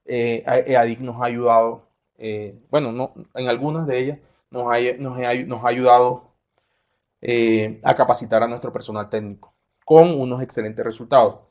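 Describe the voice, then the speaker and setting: A man's voice: mid-range voice, steady tone, normal speed, a little mellow. A middle-aged man from the Colombian Caribbean coast with a coastal accent, giving a conference talk in a conversational way, full of fillers and self-corrections. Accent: Colombian coastal Spanish. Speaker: conference speaker. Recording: slightly dull lo-fi sound.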